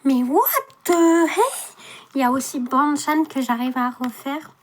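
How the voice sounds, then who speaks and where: A woman's voice: high-pitched, a little slow. A woman chatting casually to viewers while unboxing, trailing off and restarting often. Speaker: vlogger.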